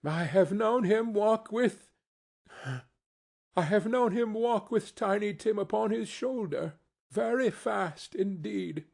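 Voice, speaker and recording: Guy doing a sad gentle mum from a storybook, voice lifted higher, trying to stay steady, slow. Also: creaky, slightly rough, heavily acted. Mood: steady, wistful. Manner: tender, faltering, repeats herself. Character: grieving working-class mother, gentle, bravely steady. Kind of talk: storybook character reading.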